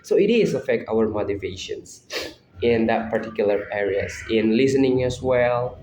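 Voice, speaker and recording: A young male student with an Indonesian accent casually answers assignment questions, thinking aloud and often restarting sentences. His mid-range voice is warm and expressive at normal speed, recorded in a roomy, slightly dull space with a little background noise.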